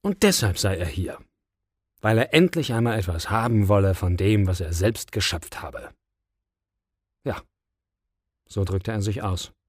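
Expressive male audiobook narrator. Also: on the low side, unhurried, long pauses, husky, no echo, studio quality. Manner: expressive first-person storytelling. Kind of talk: audiobook reading.

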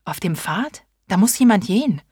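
A woman voicing a big, gruff, slow-witted storybook monster who speaks with a Berlin dialect. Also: medium pitch, expressive, darkish tone, no room sound, clean studio sound. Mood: wary.

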